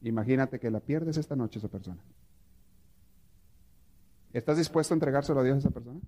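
A priest with a medium-pitched voice speaks fast as he teaches a prayer course to a live group. He tells stories in an animated way and asks his listeners questions.

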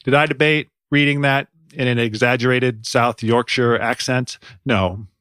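A man narrates a scripted music podcast in a dry, sardonic, wry manner. His voice sits at a middle pitch. The sound is dead dry and close, with no room at all. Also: steady tone, measured pace, a bit bright, no room sound. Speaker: podcast host.

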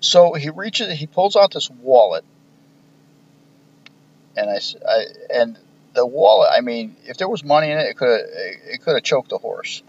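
A middle-aged man, a retired police officer, telling wry, profane stories from his career in a deadpan way. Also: mid-range voice, moderate pace. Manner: profane, wry, deadpan storytelling with quoted dialogue. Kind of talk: casual storytelling. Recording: dull lo-fi podcast recording, faint hiss.

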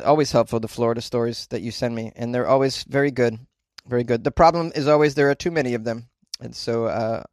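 A man's voice: mid-range voice, dry recording, studio quality. A man from Boston hosting a podcast from a small closet, rambling casually with self-deprecating jokes and mild profanity. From Boston, United States. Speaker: podcast host.

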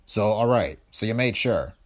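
A man voicing a sarcastic, hot-tempered young husband who stands up for his wife, with a gravelly, husky voice. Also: on the low side, lively intonation, moderate pace, close to an everyday voice. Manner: sarcastic, combative.

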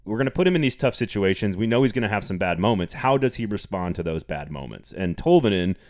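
A man's voice: on the low side, animated, fast, a little mellow. A man hosting a sports podcast, talking casually and rambling with frequent restarts. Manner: rambling, repeats words, laughs often. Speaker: podcast host.

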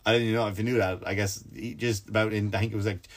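A man hosting a comedy podcast, ranting animatedly and swearing, with his voice jumping up when he gets worked up. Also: quick pace. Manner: animated, swearing, pitch leaps when excited. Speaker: podcast host. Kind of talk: comedic storytelling rant.

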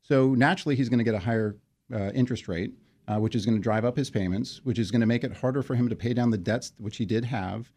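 A man being interviewed as a guest, explaining his work in a measured way with frequent fillers and restarts. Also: medium pitch, a little mellow. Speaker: interview guest, financial wellness company leader. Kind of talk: conversational interview.

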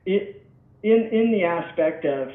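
A man's voice: sits high, expressive, slow. Rambling man on an echoey phone line. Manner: rambling and reflective, with frequent restarts. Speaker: podcast guest. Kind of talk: casual podcast talk.

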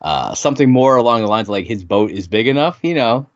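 A man's voice: mid-range voice, animated, fast, dry recording. A man co-hosting a podcast, chatting in an easygoing, rambling way and laughing often. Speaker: podcast co-host. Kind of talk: casual chat recapping a sitcom episode. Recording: dry, dull lo-fi sound.

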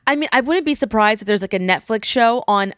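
Brief: young-adult woman, podcast co-host, bright higher register, animated storyteller, dry close sound. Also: dry recording. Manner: animated storyteller, quick to laugh. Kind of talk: casual chat.

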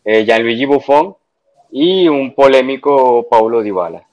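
A man speaking as a podcast guest in casual chat, relaxed and repeating words as he starts. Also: mid-range voice, measured pace, poor audio.

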